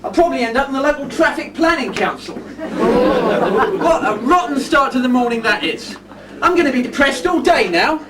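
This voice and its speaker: A man's voice: extremely high pitch, expressive, fairly quick, over a noisy crowd. A man playing a lazy, cheeky young shop assistant who jokes and chats with the audience, on an amateur village pantomime stage recorded from far off. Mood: chummy. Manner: cheeky, chatty, joking with the audience. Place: pub skittle alley stage with audience. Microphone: far audience camera. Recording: distant noisy live stage recording.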